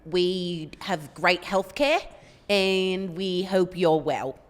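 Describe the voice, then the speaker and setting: Woman faking a New Zealand accent, slow and cheery. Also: lowish voice, expressive, big-room sound. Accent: attempted New Zealand.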